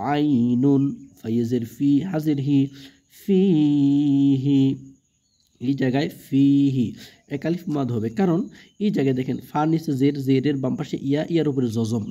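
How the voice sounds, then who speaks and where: This man teaches reading at a slow, patient pace, spelling out each letter and mark and stretching the long sounds. His voice is very dark and mellow, and the recording is muffled and low-fidelity. He keeps checking whether his listeners are following. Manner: spells letters and vowel marks aloud, drawing out long vowels, checks in with "right?".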